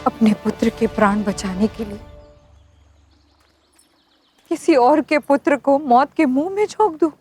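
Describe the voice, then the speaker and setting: A woman's voice: a little high, unhurried, natural voice. An actress playing a distressed mother who argues in a pleading, indignant way in a historical drama. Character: distressed mother arguing with a teacher. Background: dramatic music.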